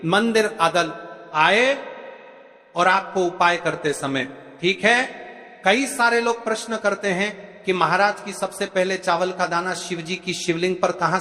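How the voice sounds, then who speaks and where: A man's voice: sits high, sharp tone, in a large hall. A man preacher giving step-by-step devotional instructions, speaking straight to his listeners as devotees and often checking in with them. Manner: repeats a checking "okay". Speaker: religious preacher.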